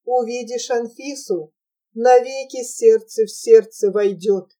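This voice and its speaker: A bewitching young woman, coaxing and possessive, her voice lifted brighter and higher than the reading around it, as a woman reader puts her on. She speaks slowly and tenderly in a storybook reading. The mic sits a little distant. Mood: teasing. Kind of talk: audiobook character voice.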